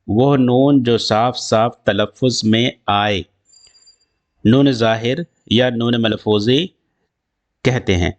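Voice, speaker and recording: A man teaching an Urdu grammar lesson, explaining slowly and repeating himself with restarts, with an Indian Urdu accent. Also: mid-range voice, dull audio. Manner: slow, repetitive explaining with restarts.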